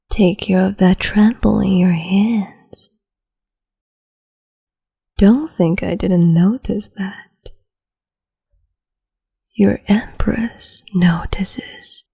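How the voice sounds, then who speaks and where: A woman voices a capricious, cruel young empress for ASMR roleplay audio, cooing over her pet in a breathy whisper. Slow and deliberate, her low, mellow delivery is doting yet teasing and condescending, with an exaggerated voice.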